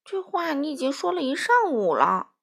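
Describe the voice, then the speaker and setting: A woman voicing a patient, gentle young male duck in a children's storybook, speaking earnestly and coaxingly. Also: high-pitched, very animated, moderate pace, gravelly, voice pushed up, exaggerated voice.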